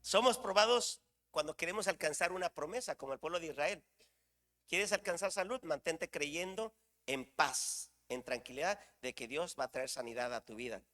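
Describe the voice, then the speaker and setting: A middle-aged man preaching a sermon, animated, shouting exclamations and asking the congregation questions. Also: a little high, moderate pace, big-room sound. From Mexico.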